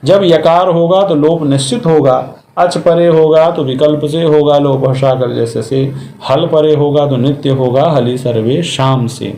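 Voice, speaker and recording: A man's voice: fairly high pitch, unhurried, mellow, echoey room, a little hiss or hum. A man giving a methodical classroom lecture on Sanskrit grammar, explaining step by step with examples. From India.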